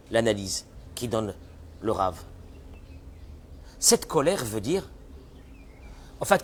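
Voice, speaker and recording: A man giving a sermon as a rabbi, animated, often acting out the voices of people who complain. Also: medium pitch, a little hiss or hum.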